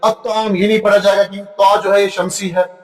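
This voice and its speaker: A man's voice: sits high, little pitch movement. A man with an Indian accent teaching an Arabic grammar lesson, reading out examples and counting them off patiently. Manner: explains slowly, counts and reads examples aloud. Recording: echoey room, voice from far off.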